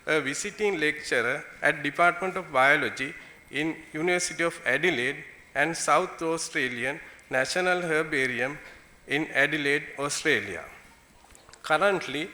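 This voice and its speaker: A woman's voice: low-pitched, bright, forceful tone. A woman with a Sri Lankan accent formally reads a scripted speaker introduction, stumbling now and then. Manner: stumbles while reading. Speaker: conference presenter introducing keynote speaker. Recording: echoey room sound.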